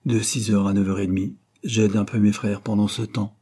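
A man's voice: fairly low pitch, level tone, moderate pace, warm tone, lightly acted. An earnest, candid schoolboy, as a male reader plays him. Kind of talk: audiobook character voice.

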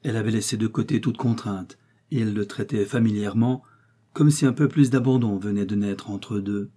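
A man reading a novel aloud, with steady, measured narration. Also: fairly low pitch. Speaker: reader.

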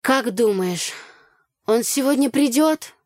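A woman's voice: fairly high pitch, lively intonation, slow, dry recording, voice pushed up. Lady doing a catty jealous girl, spiteful, dry sound. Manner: breathy, then spiteful. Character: jealous catty young woman.

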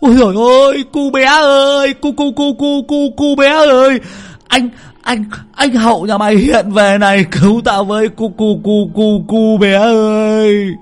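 A man voicing a terrified young village man who stammers in a high, shrill voice, in a told ghost story. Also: big pitch swings, drawn-out words, pauses often, pushed and bright, faint music behind, full character voice. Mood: panicked.

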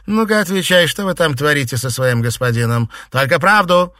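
A man voicing a furious, imperious noblewoman who scolds and interrogates her servants with shouts and sarcasm. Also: medium pitch, animated, moderate pace, no room sound, studio quality, voice pushed up. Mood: angry.

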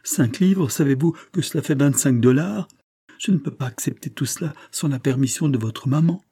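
A man's voice: fairly high pitch, normal speed, mellow, breathy edge, dry recording, clean studio sound, pitched above the performer's own voice. A man playing a poor working woman. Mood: astonished.

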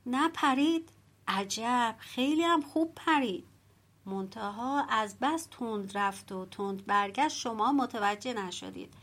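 A woman's voice: medium pitch, fairly bright tone, natural voice. A woman voicing a mocking male village peasant in a storybook reading, teasing and sly.

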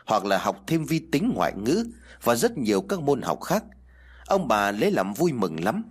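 A man with a husky voice, narrating a ghost story in an expressive, measured way. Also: medium pitch.

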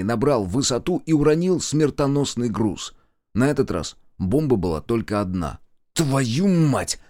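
A man reading a war novel aloud in an expressive, dramatic style. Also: medium pitch, no room sound, studio quality. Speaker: audiobook narrator. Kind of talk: dramatic audiobook narration.

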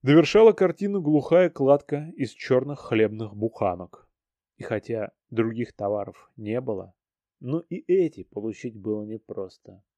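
A man narrating an audiobook with an expressive, dramatic reading. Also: mid-range voice, moderate pace, no room sound, lo-fi sound.

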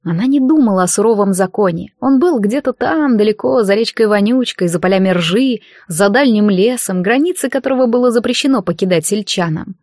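A woman narrates a fantasy audiobook in a measured, even way, at a middle pitch. The recording is dry and close, with no room sound. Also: no room sound. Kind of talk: scripted narration.

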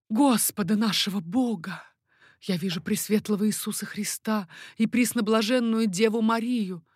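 A woman's voice: medium pitch, darkish tone, breathy edge, no echo, studio quality. A woman voicing a dying young king, speaking a faint, partly whispered prayer in an audiobook.

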